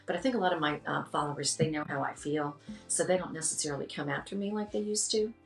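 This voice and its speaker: A woman's voice: fast, faint music behind. Middle-aged woman telling stories, roomy echo. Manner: animated, acts out quotes with rising pitch. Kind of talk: candid interview storytelling.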